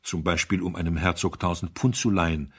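Reading a literary story aloud, this man has a husky voice that sits fairly low. His pacing is measured and deliberate, and he stresses phrases expressively, the way a practiced audiobook narrator would.

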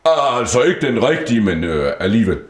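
A man voicing a jolly elf father dressed as Santa, with a booming ho-ho-ho. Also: sing-song, reverberant, close to an everyday voice. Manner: booming ho-ho-ho, jovial.

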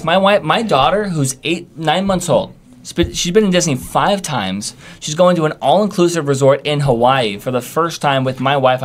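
A young man, a podcast guest, telling stories in casual chat with a hyped, emphatic, swearing manner. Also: medium pitch.

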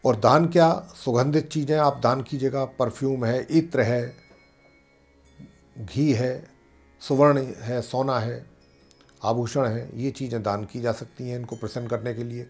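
A man, an astrologer and pandit, calmly explaining planetary mantras and slowly chanting them. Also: mid-range voice, soft background music. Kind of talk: devotional teaching talk.

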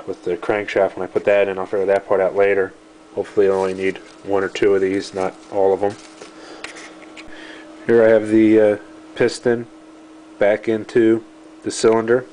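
Low, flat-voiced man explaining an engine rebuild. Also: slight background noise, rough recording. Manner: unscripted, explains step by step with many "uh" and "um" fillers. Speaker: home mechanic demonstrating an engine rebuild. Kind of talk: off-the-cuff workshop tutorial. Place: home workshop, indoors.

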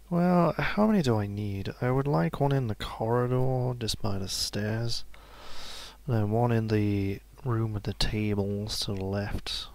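A man giving relaxed, casual commentary while playing a game, musing to himself and laughing softly now and then. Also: fairly low pitch, vocal fry. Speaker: let's play gamer.

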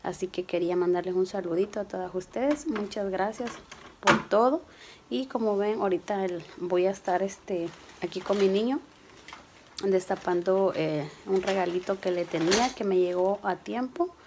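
Hoarse female home vlogger, chatty and affectionate, phone-recorded with background noise. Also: medium pitch, normal speed. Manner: chatty, affectionate, coaxing with her child. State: slightly hoarse. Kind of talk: casual home vlog.

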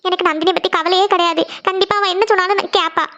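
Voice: very high voice, steady tone, bright, forceful tone, full character voice. Cartoon role: anxious, sorrowful mother, voiced by a performer, sped-up chatter with a muffled lo-fi quality. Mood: worried. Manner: slow, anxious, sorrowful talk. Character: worried tearful mother, a woman's elder sister. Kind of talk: Tamil cartoon series dialogue.

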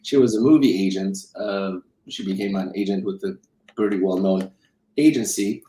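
A middle-aged man from Romania speaks over a webcam from a home office, his voice sitting low. The room is echoey around him. He rambles and circles back on his words while he thinks. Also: moderate pace, mellow. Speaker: guest, film financier. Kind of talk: casual interview. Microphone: video call webcam.

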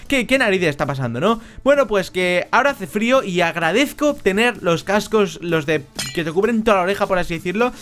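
A Minecraft gameplay YouTuber with a Spain Spanish accent and a high voice jokes casually over his gameplay. He records at home on a headset mic and every so often breaks into shouts.

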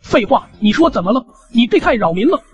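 A man's voice: very high-pitched, big pitch swings, fast, dull audio, soft background music, pitched above the performer's own voice. A man doing a grumpy scolding old neighbor. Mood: angry. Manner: scolding, shouting insults.

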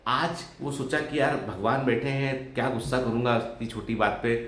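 A man's voice: mid-range voice, moderate pace, fairly bright tone. A man hosting a vlog, telling a story in a casual, conversational way and often adding "ठीक है" as a tag. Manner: conversational, with frequent "ठीक है" tags. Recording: roomy echo, faint background noise.

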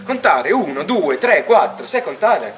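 A man's voice: fairly high pitch, sing-song, a little slow, slight background noise. A young man acting a defiant, passionate son, speaking insistently in an amateur film drama. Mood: bitter, restrained. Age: young adult. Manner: impassioned, insistent. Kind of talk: acted dialogue in an amateur short film.

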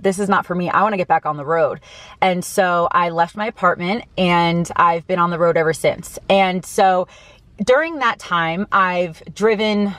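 This early-thirties American vlogger has a medium, fairly bright voice, recorded without echo inside a small parked car. Talking to camera in a casual, earnest way, she stresses what she says.

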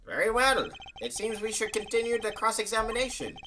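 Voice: medium pitch, sing-song, a little fast, noisy background, voice pushed up, close to an everyday voice. A streamer voicing a fussy older male judge in a game, speaking formally and ponderously. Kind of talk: game let's play voice-over.

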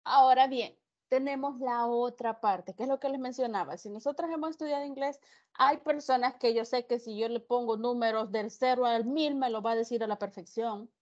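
A woman's voice: a little high, normal speed, darkish tone, highs cut off. A woman teaching an English class online, explaining patiently and repeating the numbers. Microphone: video call.

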